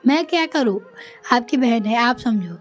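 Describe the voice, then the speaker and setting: A woman's voice: on the high side, animated, moderate pace, soft background music, natural voice. A woman voicing a rude young daughter-in-law who talks back curtly, in a storybook tale. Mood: defiant. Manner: curt, defiant.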